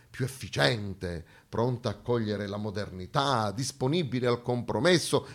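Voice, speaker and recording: Delivering a satirical monologue on stage, this man speaks with a southern Italian accent and a fairly low pitch. His storytelling is dramatic, sarcastic and expressive.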